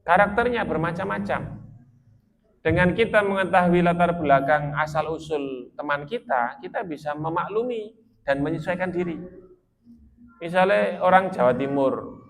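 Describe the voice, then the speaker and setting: A man's voice: on the high side, normal speed, pauses often. A man from Central Java with a Central Javanese accent, preaching in a chatty, joking way and asking the audience questions. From Magelang, Central Java. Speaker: Islamic preacher. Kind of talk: sermon to a village gathering.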